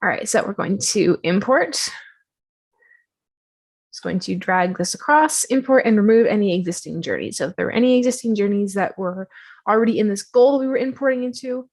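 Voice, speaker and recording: A woman casually walking viewers through a software tutorial on her screen, chatty and self-deprecating, with many fillers. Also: medium pitch, animated, fairly quick.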